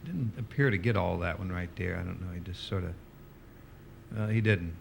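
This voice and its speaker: A man's voice: low-pitched, normal speed, vocal fry, slight background noise. A man working as a golf commentator, giving conversational, chatty analysis of play with some hesitation.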